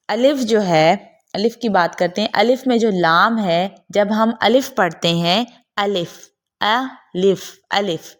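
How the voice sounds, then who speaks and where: A woman giving a Quran pronunciation lesson, explaining patiently and repeating sounds slowly to demonstrate them. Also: mid-range voice. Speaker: Quran tajweed teacher.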